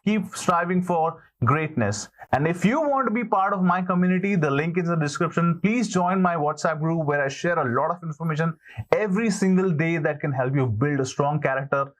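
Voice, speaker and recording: A man presenting scripted motivational advice as a video coach, with an encouraging, earnest manner and deliberate emphasis. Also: on the high side. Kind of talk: scripted motivational instruction to camera.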